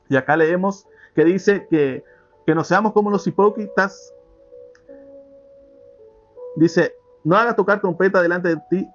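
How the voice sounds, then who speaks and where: A preacher gives a sermon slowly, repeating himself and restarting his phrases. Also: on the high side. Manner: slow, repetitive teaching with many restarts. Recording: dull lo-fi recording.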